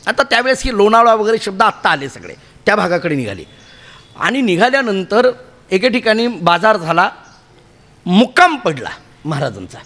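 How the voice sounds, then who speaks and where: A kirtan preacher tells stories in a sermon before a live audience, his voice sitting high with a fairly bright tone. Chatty and humorous, he often asks listeners questions, and the recording carries a long hall reverb.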